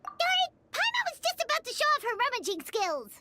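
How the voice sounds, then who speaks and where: An actress voicing Paimon, a tiny excitable fairy companion who talks about herself in the third person. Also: female voice, fairly quick, heavily acted. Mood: boastful. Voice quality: high and bright.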